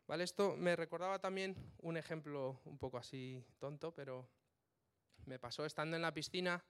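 A man preaches in an easy, conversational way, often checking in with his listeners as he talks. His voice sits a little high for a man and comes through smooth and clear. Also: normal speed, a bit bright. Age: adult with children. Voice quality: colloquial, uses "vale" often. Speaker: church speaker. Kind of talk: informal sermon.

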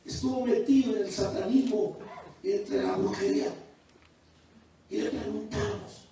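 A man who is a pastor, preaching a sermon that moves from quiet testimony to loud, fervent preaching. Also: sits high, fairly even intonation, measured pace, slight background noise. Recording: distant, very echoey church hall.

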